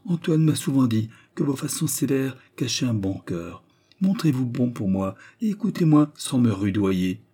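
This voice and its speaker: A man's voice: mid-range voice, very animated, normal speed, warm tone, breathy edge, voice pushed up. Earnest young woman, as a male narrator puts her on. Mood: pleading. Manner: pleading, earnest.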